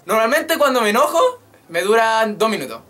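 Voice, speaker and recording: A man's voice: high voice, moderate pace. Young Chilean man ranting casually. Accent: Chilean Spanish. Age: 20s. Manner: animated, swears freely, jokey rants. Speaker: YouTube channel host. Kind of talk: casual vlog chat. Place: small room with a drum kit. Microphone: webcam at desk.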